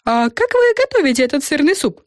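A woman's voice: big pitch swings, brisk, no echo, studio quality. A woman voicing a pompous, squealing tiny female fairy with a piercing voice in an audiobook. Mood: eager. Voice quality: shrill, piercing. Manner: haughty and bossy, exclaiming. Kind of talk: audiobook voice acting.

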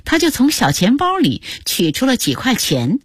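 An older woman narrating her own memories as a radio story, expressive and acting out the scenes. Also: a little high, normal speed, husky, no room sound, studio quality.

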